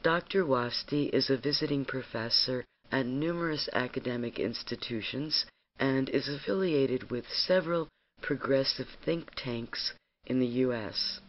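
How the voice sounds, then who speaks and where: A man as radio host, reading a measured, formal show introduction. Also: mid-range voice. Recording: slightly muffled radio audio.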